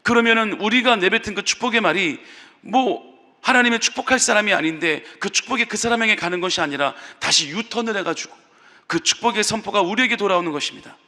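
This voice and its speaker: A man's voice: high-pitched, fast, bright, forceful tone, long reverb tail. A man preaching an early-morning church sermon, retelling scripture stories vividly and acting out the quoted speakers. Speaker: pastor. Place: church sanctuary.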